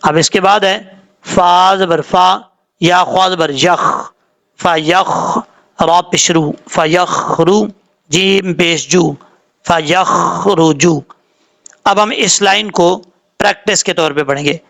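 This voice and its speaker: A man with a Pakistani Urdu accent teaches Quran recitation one word at a time, slowly spelling out the letters and vowel marks before explaining the rules quickly. His voice is high and a bit bright, with fairly even intonation.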